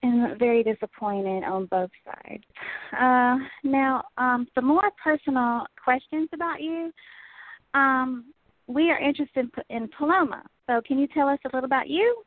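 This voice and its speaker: A woman leads an interview with measured, soft-spoken prompts. Her voice sits a little high. The line sounds thin, like a phone. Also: dry recording, narrow, tinny audio. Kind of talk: conversational interview.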